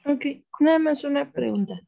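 A woman's voice: high voice, animated, moderate pace, gravelly, warm tone, dull audio. A woman student asking hesitant questions in an online class over a video call.

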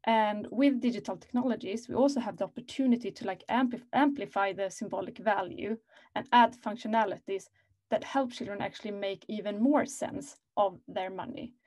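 A woman in her thirties who heads operations at a company answers a panel question over a laptop video call. Her mid-range voice is brisk and a little mellow, and she is earnest, with lots of "like" fillers. There's no echo.

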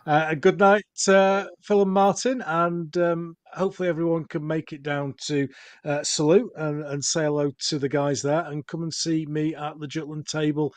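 A man's voice: on the high side, flat delivery, normal speed, clean tone. A man with a Yorkshire accent chatting casually as a podcast host, in a rambling, self-deprecating manner. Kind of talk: casual chat.

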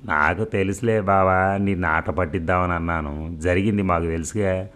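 A man voicing a mischievous, teasing young woman in a spoken novel, read in his own deep voice. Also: steady tone, normal speed, fairly bright tone.

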